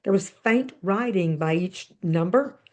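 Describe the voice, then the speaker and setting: Woman reading a story aloud, measured. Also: medium pitch, expressive. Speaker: podcast host. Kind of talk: reading her book aloud with brief commentary.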